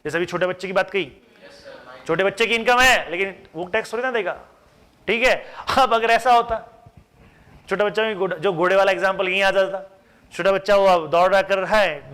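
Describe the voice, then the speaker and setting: A man teaching a tax class, lively and chatty, mixing Hindi with English terms and answering his own rhetorical questions. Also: high-pitched, clean tone. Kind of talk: classroom lecture.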